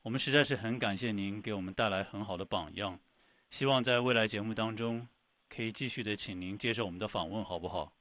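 Formal man hosting a radio program. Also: on the low side. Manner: formal, measured announcing. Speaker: radio host. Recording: dry, dull lo-fi radio sound.

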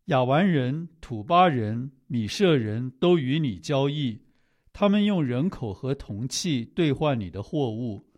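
A man reading scripture aloud in a steady, measured way. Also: medium pitch, muffled recording. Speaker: scripture reader.

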